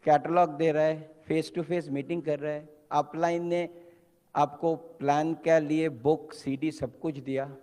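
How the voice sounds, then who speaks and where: At a business seminar in a large hall, a motivational speaker delivers an emphatic, preacher-like talk, moving between Hindi and English and acting out quotes. His voice is a little high and mellow, with little pitch movement and an unhurried pace. A long hall reverb colors the recording.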